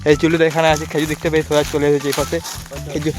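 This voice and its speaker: A young man narrating an outdoor forest vlog, excitable and constantly calling out "bhai". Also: on the high side, racing. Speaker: vlogger. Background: music.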